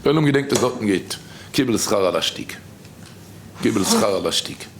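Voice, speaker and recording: A man with a Yiddish accent giving a sermon, telling stories quickly and quoting people. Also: fairly low pitch, animated, a little hiss or hum. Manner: rapid storytelling, quoting others. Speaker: rabbi giving a talk.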